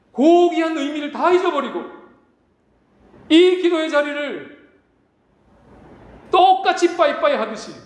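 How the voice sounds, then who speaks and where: Korean pastor preaching with dramatic swings. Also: male voice. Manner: dramatic preaching, acts out quoted voices with big pitch swings. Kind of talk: sermon. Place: church sanctuary. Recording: echoey church room, faint ambience.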